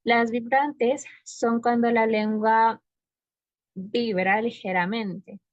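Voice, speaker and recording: A woman's voice: fairly high pitch, darkish tone, no echo, lo-fi sound. A woman student giving a class presentation, explaining her points with spoken examples.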